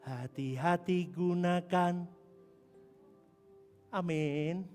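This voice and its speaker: A man preaches with full energy, dropping low and then surging into shouts. His words ring out with a long reverb through a large church hall. Soft music plays beneath him. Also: very slow, clear, resonant tone. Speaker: pastor. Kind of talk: sermon.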